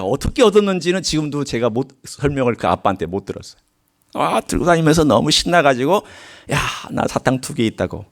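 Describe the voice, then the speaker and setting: A middle-aged man preaching a sermon, telling a story and swinging from quiet low asides to high, emphatic calls. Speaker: pastor.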